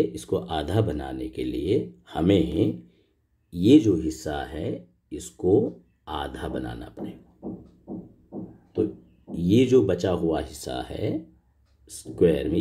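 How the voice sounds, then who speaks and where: A man's voice: on the low side, mellow. A middle-aged man teaching a school grammar lesson, explaining patiently step by step and asking the pupils questions.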